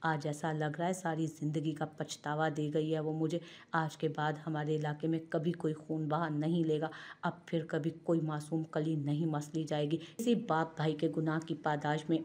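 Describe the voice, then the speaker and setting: A woman's voice: sits low, completely flat delivery, normal speed, a little mellow. A woman voicing a proud landowner husband who speaks in grief and remorse, sobbing as he makes promises. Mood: remorseful.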